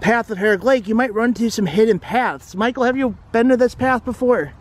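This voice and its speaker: A man's voice: very high-pitched, fairly quick. A man hosting a casual travel vlog, narrating a walk around a lakeside forest preserve with chatty, tour-guide commentary. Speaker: vlog host.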